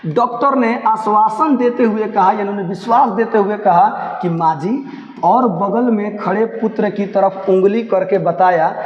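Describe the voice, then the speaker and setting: A man's voice: high-pitched, a little slow. A man teaching a class, reading a story line by line and re-explaining each line in simple words, often telling students to listen closely. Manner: reads a line, then re-explains it in simple words with local dialect asides. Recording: echoey room, dull lo-fi sound, faint noise.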